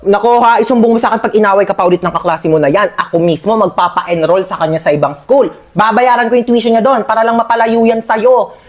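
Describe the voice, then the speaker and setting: A woman's voice: mid-range voice, fast, close to an everyday voice. A woman playing a rich, doting middle-aged aunt, talking breezily and showering her niece with endearments in a comedy skit. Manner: breezy, lavish, dotes with endearments. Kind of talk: comedy skit role-play.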